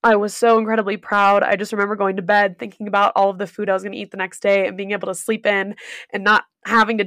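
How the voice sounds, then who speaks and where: A woman's voice: mid-range voice, a bit bright, dry recording, clean studio sound. A woman co-hosting a podcast, telling a heartfelt personal story in a casual, emotional way. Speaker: podcast co-host.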